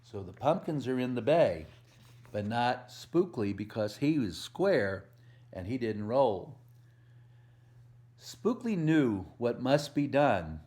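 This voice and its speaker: A volunteer reads a picture book to preschoolers in a mellow, mid-range voice, taking it slowly with big swings in pitch. He stresses the rhymes and pauses for simple asides and questions aimed at the young listeners.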